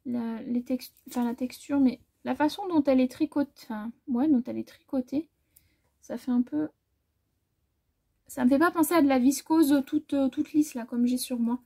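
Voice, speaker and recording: Woman sewing vlogger, high and husky-soft, casual rambling haul chat. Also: normal speed. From France. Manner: chatty, rambling, self-correcting, often trailing off softly.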